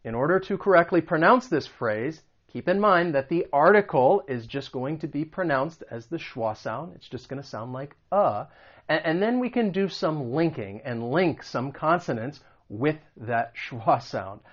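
An American man teaching English pronunciation, patiently repeating example phrases slowly. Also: a little high, lively intonation, dull audio. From United States. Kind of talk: explaining and demonstrating pronunciation.

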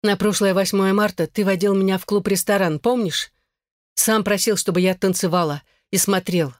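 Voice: mid-range voice, fairly even intonation, moderate pace, dry recording, studio quality, lightly acted. A reader voicing an angry young woman arguing with her ex-husband in an audiobook. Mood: indignant. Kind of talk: audiobook character voice.

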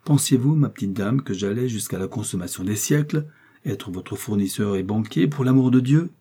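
A man's voice: on the low side, expressive, moderate pace, mellow, breathy edge. A man reading a classic novel aloud, voicing a scheming merchant who mocks and bullies a woman in debt. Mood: mocking. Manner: mocking, ironic, bullying. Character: scheming cold male shop merchant moneylender.

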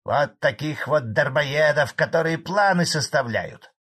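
A man playing a cantankerous old collective-farm cattleman in an audiobook, talking gruffly and raising his voice well above the narrator's. The figure has a husky, slightly rough tone and grumbles indignantly at his bosses. His lines come loud, pitched up and heated. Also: animated, measured pace, heavily acted. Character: angry old male Soviet cattle farmer, blunt.

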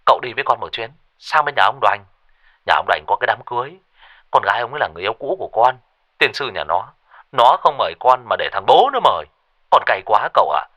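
A man voicing a brash young village man who talks shrilly, fast and pushily. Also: sing-song, pushed and bright. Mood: excited pleading. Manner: shrill, rapid and pushy.

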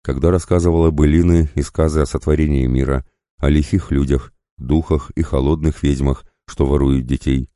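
A man reading a dark fantasy story aloud as an audiobook narrator, in a measured, grave way. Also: a bass voice, fairly even intonation, no room sound, studio quality.

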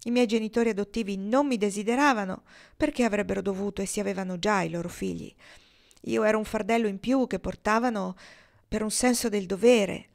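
A woman's voice: mid-range voice, fairly quick, vocal fry, darkish tone, lightly acted. Brief: woman reading an anguished man, raised and pleading, audiobook part. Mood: bitter. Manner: raised, agitated delivery.

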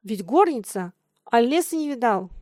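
A woman's voice: on the high side, very animated, normal speed, a little mellow, dry recording, studio quality. Woman doing a blunt stubborn village boy. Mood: scornful. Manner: blunt, scornful, plain-spoken. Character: proud peasant boy Misha, stubborn and blunt.

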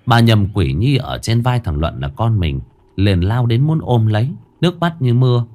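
A man narrating a ghost story in an expressive storytelling manner. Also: medium pitch, moderate pace.

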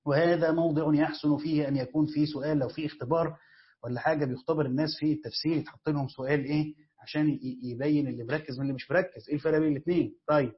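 Fast-talking Egyptian man teaching a lesson. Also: fairly high pitch, steady tone. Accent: Egyptian Arabic. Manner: quizzes listeners then answers his own questions. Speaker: teacher of Quran exegesis. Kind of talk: classroom lesson, explaining grammar. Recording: dull lo-fi recording.

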